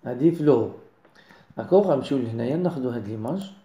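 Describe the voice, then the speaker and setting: A man with a Moroccan accent giving a software design tutorial, mixing in French words and often checking that viewers follow. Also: medium pitch, expressive, rapid-fire, reverberant. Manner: mixes French into explanations, keeps checking understanding. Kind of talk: screen-recorded software tutorial.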